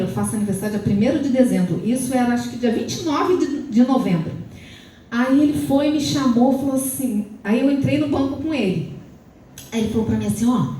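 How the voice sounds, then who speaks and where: A woman telling her testimony in a church service, animated storytelling that rises into fervent exhortation. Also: on the high side. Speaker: wife giving testimony at couples' service. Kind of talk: testimony and preaching. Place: church hall. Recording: very echoey hall, distant mic, faint hiss.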